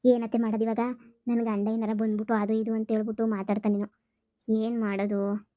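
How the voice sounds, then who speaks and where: A woman's voice: fairly high pitch, little pitch movement, fairly quick, dry recording, highs cut off, lightly acted. A woman voicing a resolute, scheming young daughter-in-law in a cartoon comedy. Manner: plotting, resolute.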